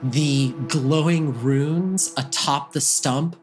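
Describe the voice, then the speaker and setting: A man's voice: a little high, steady tone, drawn-out words, music in the background. A man running a tabletop game, improvising vivid narration as game master.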